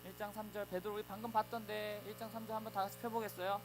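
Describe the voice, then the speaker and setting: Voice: medium pitch, level tone, racing, background noise. A preacher giving a children's Sunday sermon, storytelling animatedly and acting out voices.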